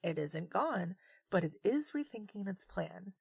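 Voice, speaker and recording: A woman's voice: medium pitch, lively intonation, a little slow, vocal fry, breathy edge, no echo. A woman narrating a tabletop game as game master, describing events dramatically.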